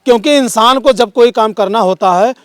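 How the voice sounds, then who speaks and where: A male reporter with an eastern Uttar Pradesh Hindi accent who interviews in a measured, encouraging and moralizing way. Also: very high-pitched, smooth, no echo, clean studio sound. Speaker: local news reporter interviewing. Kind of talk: interview with advice to viewers.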